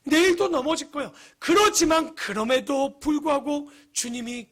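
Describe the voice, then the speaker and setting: A man's voice: very high-pitched, lively intonation, moderate pace, a bit bright. A middle-aged man preaching a sermon as pastor, chatty and joking, asking the congregation rhetorical questions. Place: church sanctuary.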